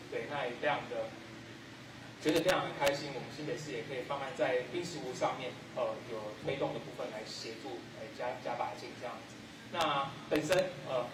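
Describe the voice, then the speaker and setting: Man, Taiwanese Mandarin accent, mid-pitched, informal ceremony speech, repetitive phrasing, distant mic. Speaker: guest speaker, former athlete. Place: echoey sports venue at opening ceremony. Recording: noisy roomy hall, distant microphone.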